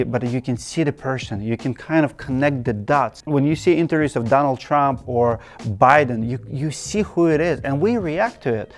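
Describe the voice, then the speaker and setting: A Russian-accented man from Russia runs his channel and offers earnest, direct, point-by-point advice to camera, stressing it through repetition. His pitch is fairly high, and his tone a little mellow.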